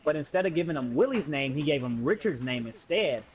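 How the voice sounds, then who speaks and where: A young adult American man, voice a little high and animated, tells friends an anecdote fairly quickly in slangy speech, acting out the dialogue along the way. It's recorded in dull lo-fi sound.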